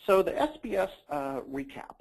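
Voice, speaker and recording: A man hosting a webinar, talking informally through slides in a halting, rambling way. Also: very high-pitched, vocal fry, rough recording. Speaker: webinar host.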